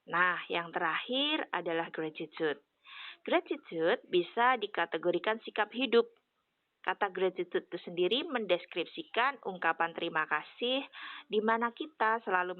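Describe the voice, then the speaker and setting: A woman's voice: fairly low pitch, lively intonation, normal speed, no echo. Teacher woman with a tinny, dry sound. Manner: clear and explanatory, modelling English phrases with careful stress. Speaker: English teacher. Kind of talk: spoken lesson explaining English phrases.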